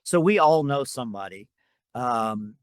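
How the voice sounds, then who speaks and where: A man's voice: mid-range voice, expressive, a little slow, clear, resonant tone, no room sound. A man hosting a podcast, putting thoughtful, searching questions to his guest, close to the mic. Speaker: podcast host. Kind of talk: conversational podcast interview.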